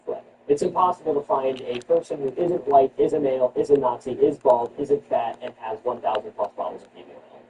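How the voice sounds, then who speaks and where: A man hosting a comedy show, riffing sarcastically on news items and jumping into high mock-outraged squeals. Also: fairly quick, hardly any pauses. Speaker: comedy podcast host. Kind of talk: comedic news riff with retakes. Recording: distant mic with background noise.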